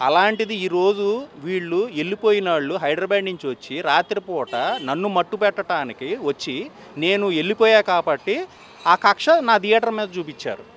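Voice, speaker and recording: A man's voice: high-pitched, a little fast, a bit bright, slight background noise. A young man with an Andhra Telugu accent, a theater owner making an agitated, pleading statement to the press, repeating his points.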